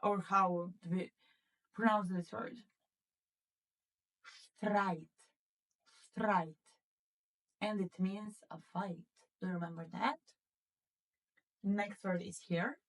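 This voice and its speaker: Slow-speaking woman teaching German sounds. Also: mid-range voice, steady tone. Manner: asks the class questions, repeats words twice. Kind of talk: slow classroom lesson explaining pronunciation. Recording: voice from some distance off the mic.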